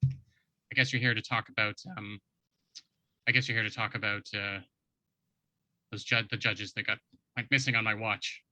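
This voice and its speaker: A man playing a proud, guarded hobgoblin chef in a tabletop game, speaking in a measured, matter-of-fact way. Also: lowish voice, fairly even intonation, pushed and bright, dry recording.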